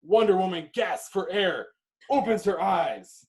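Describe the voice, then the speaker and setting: Reading an action script's stage directions, a man narrates with drama and lively intonation. His voice sits slightly high, delivering punchy, clipped phrases separated by pauses.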